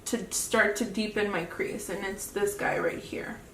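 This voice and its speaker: A beauty vlogger with a Mexican accent chats casually through a makeup tutorial, often trailing off mid-sentence. Her mid-range voice is steady and a little slow. The room echoes, the mic is at a distance, and there's a faint hiss.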